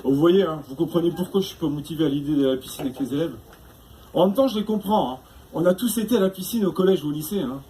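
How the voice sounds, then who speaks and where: High-pitched guy doing stand-up, teasing the crowd, chatty, noisy live room. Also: quick pace, dark tone. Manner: chatty, teasing the audience, constant tag questions. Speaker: stand-up comedian. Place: stage before a live audience.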